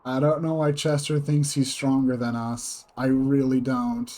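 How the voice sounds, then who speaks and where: A man's voice: medium pitch, level tone, a little slow, dark tone. A man streaming a video game, making wry, offhand remarks that trail off. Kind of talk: casual let's-play commentary.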